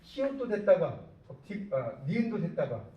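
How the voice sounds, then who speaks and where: In a lecture room, a male university lecturer whose voice sits high and swings widely in pitch talks at a normal speed, frequently questioning students to make sure they understand. A faint hiss or hum runs under this distant, echoey, dull classroom recording.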